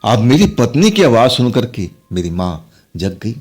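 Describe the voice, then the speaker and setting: A man's voice: mid-range voice, big pitch swings, normal speed, darkish tone. A man telling a first-person horror story in a dramatic, suspenseful way. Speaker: narrator. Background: faint music.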